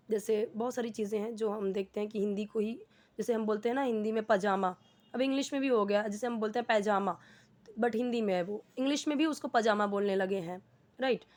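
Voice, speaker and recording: Woman, somewhat high voice, patient classroom explainer. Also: fast talker, a little mellow. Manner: patient, asks and answers her own questions. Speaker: English teacher. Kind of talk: explaining a lesson.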